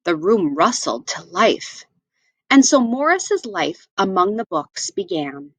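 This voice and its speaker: A woman reads a children's story aloud expressively, her pitch moving freely and animatedly as she carefully shapes each phrase. Her delivery is deliberate, with asides to listeners, and her voice is creaky. The sound is dry, without room echo.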